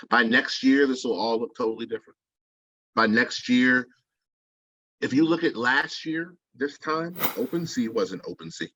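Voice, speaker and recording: Man, casual interview, blunt, profane, animated, husky voice, dull lo-fi sound. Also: fairly low pitch, no echo. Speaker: digital artist interviewee.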